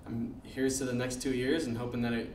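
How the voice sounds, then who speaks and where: A man's voice: medium pitch, level tone, fairly quick, darkish tone, a little hiss or hum. A young man, a teacher education student, speaking eagerly and thankfully about his program. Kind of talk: interview answers. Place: classroom, indoors. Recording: distant echoey classroom.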